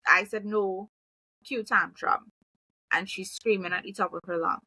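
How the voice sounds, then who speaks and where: A woman, a behavioral analyst and mother, calmly explaining with examples from her own home. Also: medium pitch, breathy edge, no room sound, poor audio. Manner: calm, measured, explains with examples. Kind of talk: explanatory conversation.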